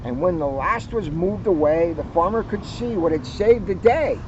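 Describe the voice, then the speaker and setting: A police officer with a high voice reads a picture book to children outdoors at a garden center for a community video series, chatting informally between pages. His storytelling is expressive and deliberate, with drawn-out phrase endings, and the outdoor audio is dull and noisy.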